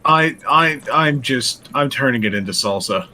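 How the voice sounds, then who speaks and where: A man plays a tabletop game with dry, wry humor and plenty of swearing. His voice sits at an ordinary middle pitch. There is a faint hiss in the background. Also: lively intonation, normal speed, sharp tone. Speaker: player. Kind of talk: casual tabletop game chat.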